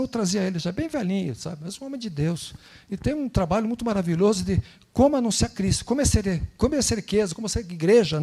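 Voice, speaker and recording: Man, high voice, guest missionary, animated anecdotes, church service, handheld mic. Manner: animated storytelling, acts out dialogues, frequent tag "né?". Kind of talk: informal church talk with anecdotes. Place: church sanctuary.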